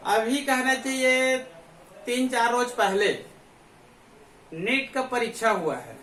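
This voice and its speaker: A man's voice: very high voice, slow, pushed and bright. A man teaching biology, who keeps asking questions and answering them himself. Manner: repetitive, asks and answers own questions. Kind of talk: classroom lecture at a board. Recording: echoey room, mic far off, faint hum.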